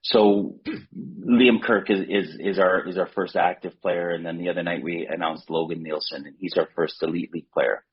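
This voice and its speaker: A man's voice: low voice, steady tone, moderate pace, few pauses, breathy edge, highs cut off. A man guest on a podcast, telling long rambling stories in casual chat with many restarts.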